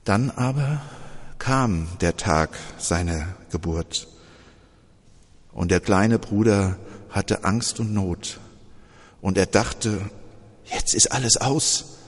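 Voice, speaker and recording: A man preaching a sermon, telling a story and voicing its dialogue in a lively way. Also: deep voice, slow, long pauses, long reverb tail.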